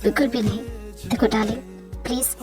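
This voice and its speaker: A woman voicing a tender young husband in a fan audio drama, speaking low and softly to comfort his wife. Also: steady tone, a little fast, faint music behind, lightly acted. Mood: soothing. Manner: soft, soothing, reassuring. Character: tender, devoted young husband, soothing and calm.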